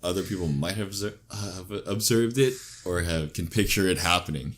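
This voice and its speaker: A man's voice: low voice, normal speed, a bit bright. A young man chatting casually with a friend in informal, slangy speech. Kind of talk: casual chat between friends.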